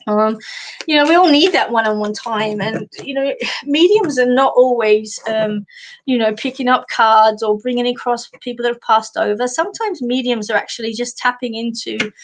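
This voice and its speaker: An Australian woman who works as a psychic medium and life coach gives a casual card reading, full of fillers and restarts. Her slightly husky voice is on the high side at normal speed, and the poor audio has slight background noise.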